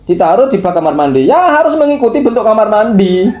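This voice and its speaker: A man's voice: high-pitched, very animated, fast talker, darkish tone, slight background noise. Mocking, chatty man in an echoey room. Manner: mocking, chatty, addresses listener as "Bos". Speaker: reaction channel host. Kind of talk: casual commentary on a played clip.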